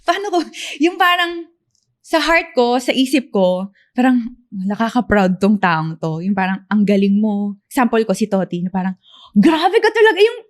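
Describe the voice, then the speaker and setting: A young woman in her twenties from the Philippines, co-hosting a podcast in casual chat, soft-spoken and hesitant. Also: medium pitch, moderate pace. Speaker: podcast co-host.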